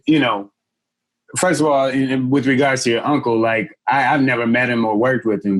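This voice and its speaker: A man who is a comedian guest, chatting casually on a podcast with many fillers and restarts. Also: mid-range voice.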